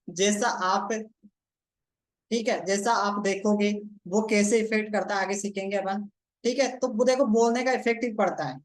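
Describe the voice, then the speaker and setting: Male coach teaching an online class, repeats points, keeps checking his listeners follow. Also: high-pitched. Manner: repeats phrases, explains slowly step by step. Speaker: motivational coach. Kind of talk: live online training lesson.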